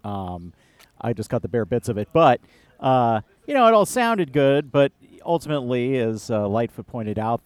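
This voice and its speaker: A man co-hosting a casual politics podcast, talking in a relaxed, halting way with many fillers and restarts. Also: fairly low pitch, no echo. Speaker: podcast co-host. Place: outdoor beer garden.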